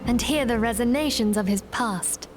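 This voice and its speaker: An actress voicing a solemn female leader of a secret order in a game, speaking in formal, measured, old-fashioned phrasing. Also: a little high, a little hiss or hum, lightly acted. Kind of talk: game voice acting.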